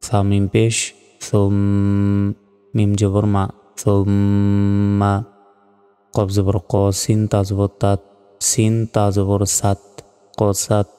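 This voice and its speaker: Slow, deep-voiced man teaching Quran reading. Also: monotone, dark tone, smooth, big-room sound, faint music behind. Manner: slow, careful letter-by-letter spelling with drawn-out recitation. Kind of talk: spelling out and chanting Quranic verses for learners.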